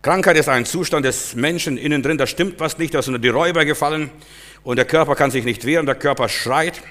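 A preacher delivers an impassioned sermon, his voice bright and forceful. He rises into loud, emphatic bursts and then drops to near-hushed lines, pressing his points on the listener directly. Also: fairly high pitch, brisk.

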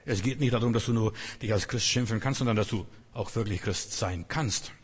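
Husky man preaching in a reverberant hall. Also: on the low side, brisk. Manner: earnest, emphatic, repeats key phrases. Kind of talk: sermon.

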